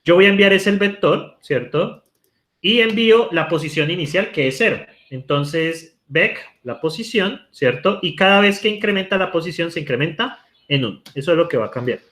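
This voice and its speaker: During a live online coding lecture, a Colombian man speaks in Colombian Spanish with a voice that sits high, animated and fairly bright, at a moderate pace. He narrates while typing code, asking "¿cierto?" time and again to check on his students.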